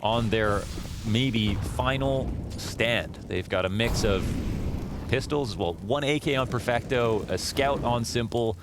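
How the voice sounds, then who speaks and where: A man's voice: mid-range voice, slow pace, noisy background. A man giving casual, conversational analysis as co-commentator on a live esports match. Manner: conversational, loosely phrased. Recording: game gunfire and clicks behind voice. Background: video game gunshots and clicks.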